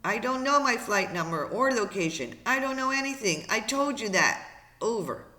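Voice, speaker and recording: A man acts out a desperate young boy from an adventure audiobook. The voice is raised high and sharp, pleading urgently and repeating itself in fear. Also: lively intonation, normal speed, heavily acted. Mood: frantic. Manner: pleading, stammering repetition. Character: panicked, desperate boy alone in a plane. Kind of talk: dramatized audiobook character.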